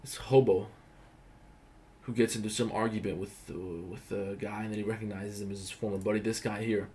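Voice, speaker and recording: A man's voice: on the low side, brisk, a little hiss or hum. A young man from Croatia hosting a casual livestream, talking bluntly and profanely as he tells stories. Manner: profane, blunt, animated storytelling. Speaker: livestream host.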